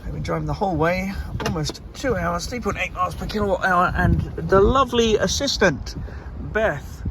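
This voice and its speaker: A man's voice: sits high, moderate pace, noisy background. A man narrating his road trip vlog in an easygoing, upbeat way. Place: in a car and at stops on a road trip.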